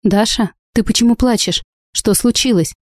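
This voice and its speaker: A woman's voice: a little high, normal speed, no echo, clean studio sound, voice pushed up, natural voice. A woman doing an indignant protective friend. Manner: indignant, sharp.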